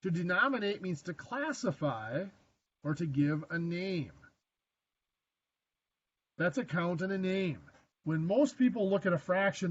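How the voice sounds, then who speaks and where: A man with a rather high voice teaches a math class, quizzing the students and slipping in dry, self-mocking jokes. The classroom recording sounds a little dull and lo-fi. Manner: dry joking asides, self-deprecating; asks the class questions. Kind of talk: classroom lecture.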